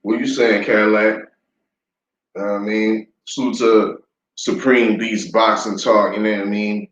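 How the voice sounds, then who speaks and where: A man co-hosting a casual boxing talk show, speaking in a halting way with frequent restarts. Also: lowish voice, steady tone, a bit bright, roomy sound, lo-fi sound. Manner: halting, many fillers and restarts. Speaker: podcast co-host.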